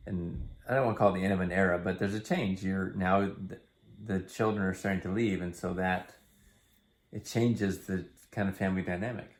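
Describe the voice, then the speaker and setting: Middle aged guy, really low voice, casual vlog talk, measured, sorta thinking out loud. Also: fairly even intonation. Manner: hesitant, measured, thinking aloud. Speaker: father and family vlog co-host. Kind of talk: casual, reflective vlog chat.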